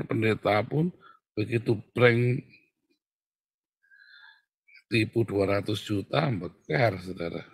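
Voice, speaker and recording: A man preaching a sermon in a casual, animated way, often calling out to his listeners and acting out little quoted exchanges. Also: gravelly, no room sound, clean studio sound. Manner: animated, jumps to loud high exclamations and acted quotes; colloquial, addresses listeners as Saudara. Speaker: pastor.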